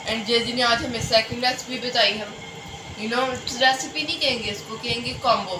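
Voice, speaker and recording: A woman's voice: on the high side, fairly even intonation, normal speed, noisy background. A woman chatting casually to her viewers as friends in a home vlog, filmed on a phone. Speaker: family vlogger. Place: family home indoors.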